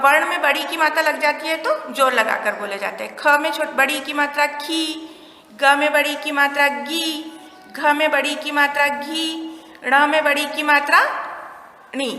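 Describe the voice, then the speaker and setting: A woman teacher giving a slow, deliberate lesson to small children, stressing each syllable. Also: sits high, pushed and bright. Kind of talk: spoken classroom lesson for young children. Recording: echoey room with long reverb.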